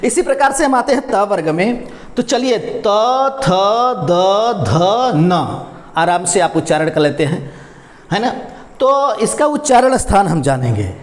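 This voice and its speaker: High-voiced man teaching pronunciation. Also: very animated, measured pace, roomy sound. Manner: patient, repeats syllables and asks questions to the class; addresses viewers as "my dear children". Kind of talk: Hindi pronunciation lesson.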